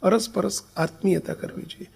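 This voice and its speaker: A swami with a Gujarati accent delivers a religious discourse as a storytelling sermon at normal speed. His slightly high voice has a gravelly, husky edge, and he alternates between loud, emphatic lines and soft, almost whispered ones.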